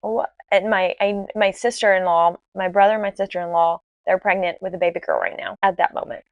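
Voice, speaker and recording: Woman, young adult, animated storytelling, mid pitch, dry sound. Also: fairly quick, dry recording, highs cut off. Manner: animated, excitable, acts out dialogue in quotes; many restarts and fillers. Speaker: podcast guest. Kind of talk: casual storytelling.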